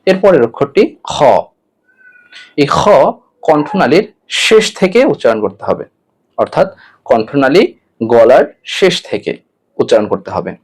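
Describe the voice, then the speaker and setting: Male Quran tutor, slow and patient, repeats every letter three times for the learner. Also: medium pitch, very animated, a little mellow. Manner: gives step-by-step mouth instructions. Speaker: Quran recitation teacher. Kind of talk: online lesson on Arabic letter pronunciation.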